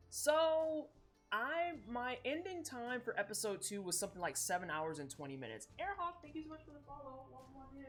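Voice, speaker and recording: Animated, swearing woman streamer. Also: mid-range voice. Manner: profane, animated storytelling. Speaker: streamer baking and chatting. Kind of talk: casual live-stream chat while baking. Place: home kitchen.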